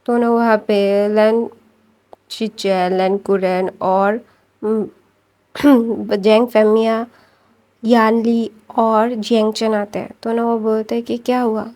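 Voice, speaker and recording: A woman narrates a story in a loose, casual way, often pausing with fillers and correcting herself mid-sentence. Her voice is fairly high and mellow, with a soft, relaxed tone. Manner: rambling, with fillers and self-corrections.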